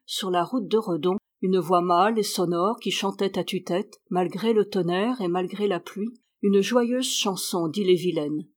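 A woman narrating a classic novel as an audiobook reader, lifting her voice higher and louder for the characters' lines. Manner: voices characters by rising in pitch and volume.

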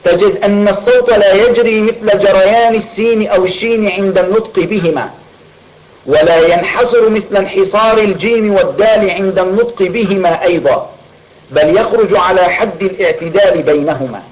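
A man, a student, reading a recitation lesson text aloud in an even, careful way. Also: sits high, a little fast, muffled recording.

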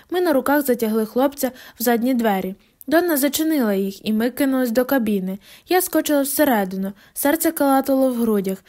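A woman's voice: on the high side, darkish tone. A woman narrating an audiobook in first person, reading the dialogue lines without big character voices. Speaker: audiobook reader.

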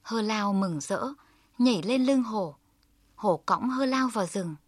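A woman narrating a folk tale in a calm, measured storytelling manner. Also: medium pitch, no room sound, clean studio sound.

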